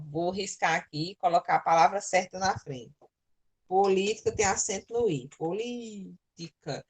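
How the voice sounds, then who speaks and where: Patient Brazilian woman teaching an online class. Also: mid-range voice. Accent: Brazilian Portuguese. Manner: patient, explaining step by step. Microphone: computer mic in a virtual class.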